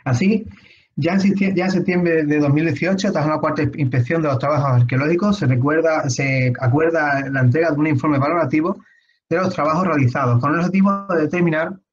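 Presenting archaeology over slides at a conference, this Spanish man in his thirties speaks with an Andalusian accent in a slightly hoarse, somewhat high voice. He stumbles along with many restarts and fillers, captured through a webcam as dull, lo-fi video call audio.

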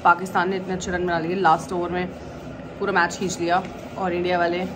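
A woman's voice: fairly low pitch, flat delivery, brisk, noisy background. A woman making a casual home vlog, chatting away and slipping English phrases into her talk. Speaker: vlogger. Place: family home.

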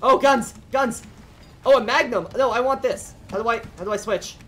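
A woman's voice: fairly high pitch, normal speed, a little hiss or hum. A woman streaming a zombie game with a friend, stammering, shrieking in fright and laughing nervously. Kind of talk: frantic gaming stream chat.

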